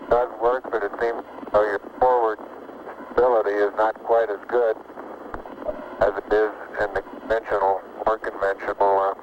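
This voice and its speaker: Low-voiced astronaut on crackly radio. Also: male voice, level tone. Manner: halting, measured, many filler pauses. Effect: radio transmission with static bursts. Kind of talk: radio report while working. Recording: lo-fi archival radio, loud static.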